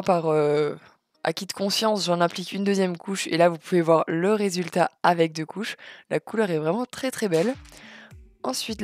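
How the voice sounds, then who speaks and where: A woman reviewing nail polish in a chatty, enthusiastic haul video. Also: fairly low pitch. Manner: chatty, enthusiastic, repeats "très, très". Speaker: nail art vlogger.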